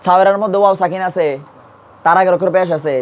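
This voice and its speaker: A man's voice: high voice, fairly even intonation, very fast. Man teaching grammar, quizzing his class. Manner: quizzes students with repeated questions; colloquial, patient, drills pronunciation. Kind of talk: classroom lesson.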